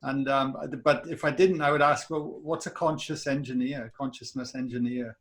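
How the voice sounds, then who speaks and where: A man's voice: mid-range voice, steady tone, moderate pace. A man hosting a podcast, enthusiastic and casual, often repeating words as he starts his sentences. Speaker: podcast host. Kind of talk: podcast interview.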